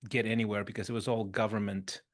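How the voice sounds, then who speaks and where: A podcast guest in his fifties tells his story in an animated, conversational manner, restarting phrases as he thinks. His voice sits on the low side and moves fast.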